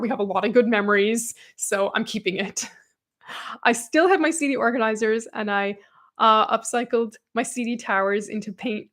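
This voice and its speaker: A woman in her thirties talking casually as a podcast co-host. She is chatty and animated, reading listener comments aloud and laughing often along the way. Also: on the high side.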